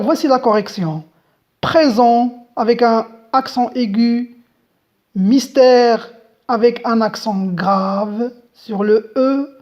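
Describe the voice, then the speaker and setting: A woman's voice: on the high side, a little mellow. A woman teaching a French grammar lesson, patiently spelling out letters and talking straight to the viewers. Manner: slow, deliberate, spells out letters; patient, addresses viewers directly.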